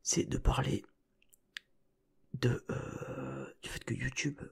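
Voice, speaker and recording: Slow and unhurried, a man with a medium-pitched, slightly rough voice and noticeable vocal fry whispers an ASMR chat. He rambles casually and talks to the listener directly through a close binaural mic, as though right at their ear.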